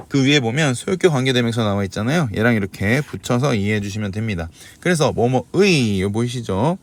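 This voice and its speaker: A man teaching English grammar in a recorded lecture, asking questions and answering them himself, switching between polite and casual speech. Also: mid-range voice. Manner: asks and answers his own questions.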